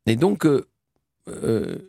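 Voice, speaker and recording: A man's voice: medium pitch, wildly swooping pitch, extremely slow, creaky, warm tone, dry recording, clean studio sound. A man being interviewed as a guest, recalling a personal memory in an earnest, moved way, often stumbling and repeating words as he restarts his sentences.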